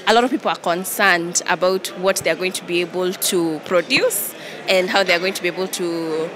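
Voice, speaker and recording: A woman's voice: lowish voice, normal speed, crowd noise. A young woman with a Kenyan accent giving an interview into reporters' microphones, switching between English and Swahili. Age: young adult. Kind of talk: on-the-spot media interview. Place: large indoor event hall. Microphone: handheld reporters' microphones. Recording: clear background noise of busy hall.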